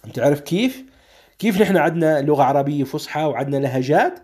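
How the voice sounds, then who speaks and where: A man's voice: fairly high pitch, fast, darkish tone, husky. A man with a Syrian Arabic accent, presenting for his own publishing house, explaining patiently, repeating key points and speaking straight to the listener.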